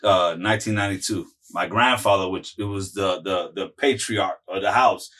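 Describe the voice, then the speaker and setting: A Miami man in his forties, a musical artist appearing as an interview guest, tells stories in a loose, rambling way, full of fillers, restarts and profane slang. His voice sits low and a bit bright, moving at a moderate pace, and he's far from the mic in this casual chat.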